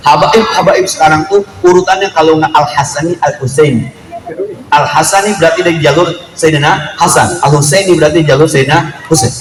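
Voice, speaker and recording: A man preaching a storytelling sermon at a family celebration, lively and joking, acting out quotes in street slang. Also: on the high side, a little fast, music in the background. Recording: echoey room with faint ambience.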